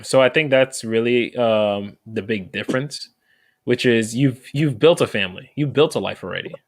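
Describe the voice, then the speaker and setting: A man speaking as a guest on a casual panel chat, earnestly explaining his point in quick runs. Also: mid-range voice, dry recording.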